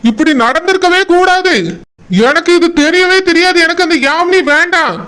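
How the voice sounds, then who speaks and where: A man voicing a young village groom in a cartoon, with a Kanyakumari Tamil accent and a strained, high cartoon delivery. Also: fairly even intonation, moderate pace, pushed and bright, faint music behind. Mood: angry. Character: young village groom, bewildered then angry. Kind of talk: cartoon voice acting.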